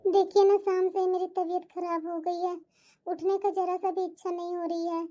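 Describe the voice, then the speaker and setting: A woman's voice: very high voice, flat delivery, moderate pace, warm tone. A woman voicing a modest, polite young daughter-in-law in a family cartoon. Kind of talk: cartoon voice acting.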